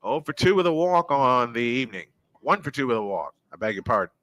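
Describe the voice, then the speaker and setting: Bright-voiced baseball play-by-play man. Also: mid-range voice, very animated, brisk, no echo. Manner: chatty, jokey, old-school delivery. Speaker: play-by-play announcer. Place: high school ballpark.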